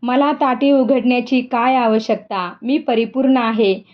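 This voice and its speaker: A woman voicing a hurt, withdrawn young male saint speaking in measured, aggrieved tones, in a dull lo-fi recording. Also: fairly high pitch, steady tone, natural voice.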